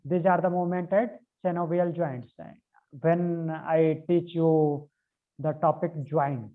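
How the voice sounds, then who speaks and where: A man's voice: a little high, steady tone, slow pace. A man teaching a yoga anatomy class over a video conference call. He dictates notes, repeats phrases and spells out key words letter by letter. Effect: heard over a video conference call. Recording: narrow phone-like call audio.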